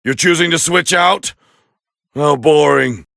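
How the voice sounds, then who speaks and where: Speaking slowly in an exaggerated character voice, a haughty, scornful warrior prince from an anime fighting game snarls with thick gravel in his throat. His fairly high male voice delivers clipped, condescending battle remarks with force, recorded close, dry, and without echo.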